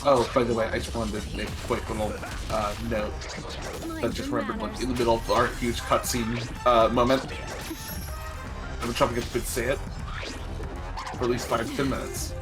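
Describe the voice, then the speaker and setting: A man's voice: medium pitch, level tone, normal speed, long pauses. A man chatting casually over gameplay as a co-commentator, with a geeky, playfully enthusiastic manner. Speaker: co-commentator on a game stream. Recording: game music behind the voice. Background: game music.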